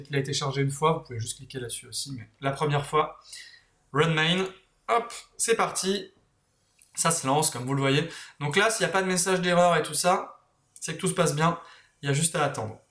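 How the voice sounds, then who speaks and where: A man casually walking viewers through a software tutorial, correcting himself as he clicks through the steps. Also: a little high, normal speed. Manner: casual, talks while clicking, self-correcting. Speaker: tutorial host. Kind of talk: screen-recorded software tutorial. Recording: roomy echo.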